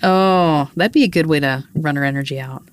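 A woman's voice: low voice, a little fast, dry recording. A woman co-hosting a podcast, chatting casually and laughing often as she tells stories about her young daughter. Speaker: podcast co-host. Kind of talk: casual chat.

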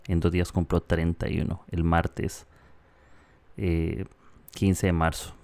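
A Costa Rican man in his thirties hosting his own podcast, talking in a relaxed, chatty way with frequent "eh" fillers. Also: deep voice, slow, no echo. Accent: Costa Rican Spanish. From Costa Rica. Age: 30s. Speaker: podcast host. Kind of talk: casual reflective podcast monologue.

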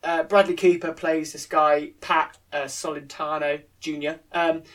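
A man co-hosting a film podcast over an internet call, speaking haltingly with many fillers. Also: on the high side, level tone, fairly bright tone. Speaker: podcast co-host. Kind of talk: casual podcast chat. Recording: distant from the mic on an internet call.

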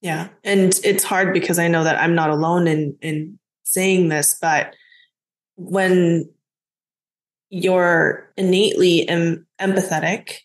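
This guest, a business mentor from the United States, talks slowly in a voice on the low side with fairly even intonation. The conversation is casual, and she comes across as reflective, filling her speech with lots of "like."

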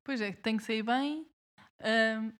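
A woman's voice: on the high side, takes it slowly, a bit bright. A woman with a European Portuguese accent chatting informally as a co-host. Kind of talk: casual chat.

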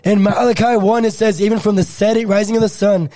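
A man preaching revival in short, forceful, emphatic statements. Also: high voice, fairly even intonation, fast talker.

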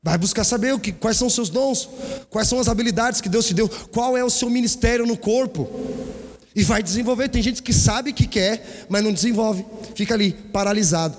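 A man preaching a sermon as pastor, telling stories in a lively way and calling his listeners brother. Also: high voice, fairly quick. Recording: long hall reverb, faint noise.

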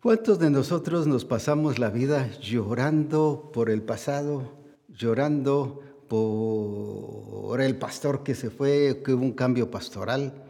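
A man preaching a sermon as an apostle, slow and deliberate, with emphatic rises on key words. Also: medium pitch, creaky, mellow. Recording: long hall reverb.

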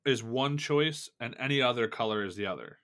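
A man's voice: medium pitch, fairly quick, a bit bright. A man co-hosting a casual sports podcast, answering in brief, dry replies. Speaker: podcast co-host.

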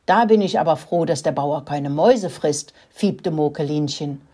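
A woman voicing a little girl mouse in a children's story, squeaking quickly. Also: dark tone, breathy edge. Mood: relieved. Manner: squeaking, relieved.

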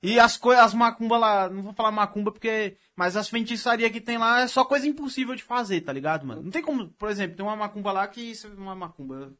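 A man's voice: high-pitched, lively intonation, fast, few pauses, bright, forceful tone. A young man with a São Paulo Brazilian Portuguese accent, chatting casually in heavy street slang and swearing. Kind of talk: casual chat.

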